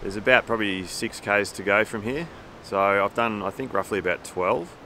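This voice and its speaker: A man's voice: lowish voice, moderate pace, bright, forceful tone. A man, chatting easily with fillers while walking a windy forest trail, filmed on a camera held at arm's length. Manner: easygoing, meandering, with many fillers. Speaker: hiking vlogger. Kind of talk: casual walking commentary. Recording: background music over outdoor audio. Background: clear music.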